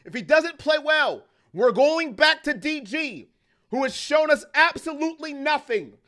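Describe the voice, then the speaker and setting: A fan channel host with a very high-pitched, expressive, sharp-toned voice runs a livestream, ranting heatedly about his team. He reads chat messages aloud, and his intensity shifts quickly.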